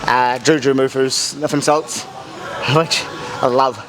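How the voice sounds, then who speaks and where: A man with a gravelly voice talking bluntly and with plenty of swearing in a casual gym vlog between heavy lifts as he is lifting weights. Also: medium pitch, fairly even intonation, a little slow, over music. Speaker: strength vlogger.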